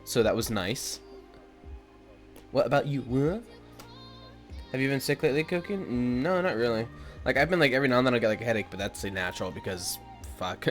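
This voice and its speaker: Drawing indoors at home, this young man talks loosely to his chat, his nasal, congested voice wandering through filler-heavy rambles. He speaks at a medium pitch with lively intonation, a bit quickly, pausing often, over faint background music.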